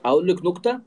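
Joking Egyptian man, slightly high voice. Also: warm tone, breathy edge. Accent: Egyptian Arabic. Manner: joking, teasing. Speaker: live-stream host. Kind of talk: casual bantering live-stream chat. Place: indoor room, live video call.

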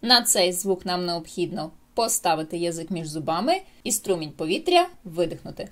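A woman's voice: on the low side, moderate pace. A woman teaching English pronunciation in a video lesson, explaining each sound to her viewers. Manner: lively, explanatory, addresses viewers directly.

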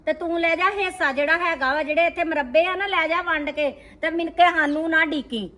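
An actress playing a middle-aged sister-in-law who scolds with indignant rhetorical questions, speaking Punjabi-accented. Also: female voice, very high-pitched, brisk, pushed and bright. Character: sister-in-law defending her household, middle-aged woman. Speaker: actor in a family drama. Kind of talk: scripted short film acting.

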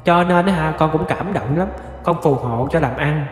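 A man voicing the stubborn, lovesick ghost of a pregnant woman in a spoken ghost story, talking slowly and pleadingly. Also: a little high, echoey room, big-room sound, lightly acted.

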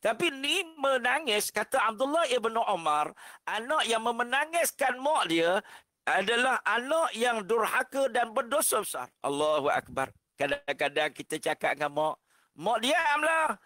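Male religious speaker, Malaysian Malay accent, high and bright tone, animated storyteller on a video call. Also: moderate pace, no room sound, rough recording. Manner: exclaims religious phrases, acts out quoted voices. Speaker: religious speaker on a parenting panel. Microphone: online video call.

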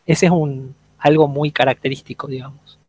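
A man's voice: on the high side, steady tone, normal speed, poor audio. A man teaching an online English workshop, explaining step by step and checking in with his students often.

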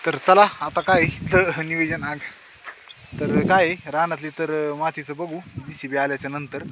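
A man's voice: fairly high pitch, noisy background. A man, chatting casually to camera as a vlogger on his farm and village road. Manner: chatty, talks to camera and family. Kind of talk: casual vlog narration.

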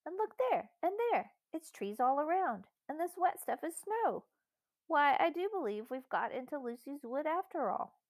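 A woman voicing an eager, take-charge eldest brother, brisk and earnest, in a storybook reading. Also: high-pitched, big pitch swings, no room sound, clean studio sound, voice pushed up. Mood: startled, excited. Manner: brisk, earnest, well-spoken.

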